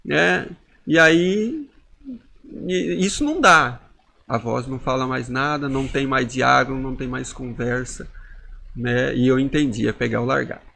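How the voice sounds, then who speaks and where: A man's voice: mid-range voice, measured pace, vocal fry, pushed and bright. A man in his forties giving an emotional personal testimony as a podcast guest, acting out inner dialogues with intensity. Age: 40s.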